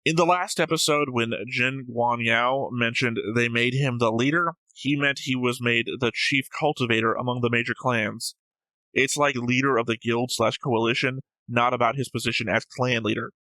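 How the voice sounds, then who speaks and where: Hosting a reaction show, this man reads out viewer comments in a casual, argumentative way, wandering into digressions and frequently correcting himself. He speaks at normal speed with a medium pitch, a sharp tone, and fairly even intonation. The audio is poor but has no echo.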